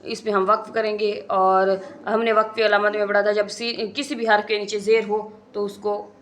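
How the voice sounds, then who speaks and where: A woman gives a methodical recitation lesson, going through each rule in turn. Her pitch sits in the middle and barely moves. She is patient and repetitive, as a teacher guiding students. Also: flat delivery. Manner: patient, methodical, repeats rules slowly. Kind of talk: step-by-step tajweed lesson.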